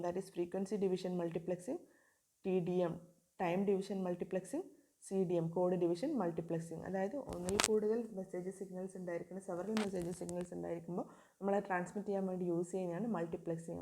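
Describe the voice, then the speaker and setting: A woman lecturing on communication systems, who reads English definitions slowly and then explains them in Malayalam. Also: fairly low pitch, mellow. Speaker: engineering lecturer.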